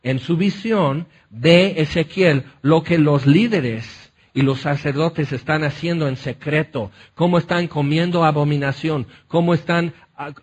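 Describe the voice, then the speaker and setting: A man preaching a sermon, telling the story in a lively way that often slips into acted voices. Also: a little high, unhurried, slight background noise. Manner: animated storytelling, acts out voices. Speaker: pastor.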